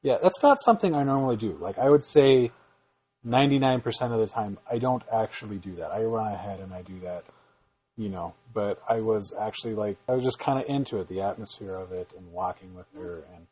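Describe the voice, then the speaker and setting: A man's voice: fairly low pitch, brisk, mellow, husky, rough recording. A man hosting a home podcast, chatting casually with his wife and rambling with many fillers. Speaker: podcast host. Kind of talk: casual chat.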